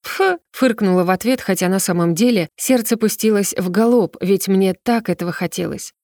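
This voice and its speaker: A young woman narrating a first-person fantasy romance audiobook with an even, steady reading. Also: mid-range voice, brisk, no room sound, clean studio sound.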